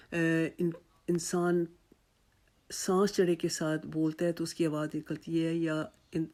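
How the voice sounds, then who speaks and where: A Quran recitation teacher giving a tajweed pronunciation lesson, patiently explaining each sound and then modelling it with slow, drawn-out repetitions of the words. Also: mid-range voice, a little mellow. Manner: patient, explains then demonstrates by slowly repeating each word.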